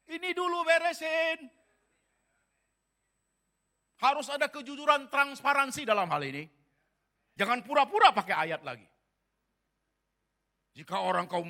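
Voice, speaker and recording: A man preaching a sermon as pastor, swinging from hushed murmurs to loud emphatic bursts and dropping English words into his speech. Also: high-pitched. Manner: acts out quoted voices of congregants.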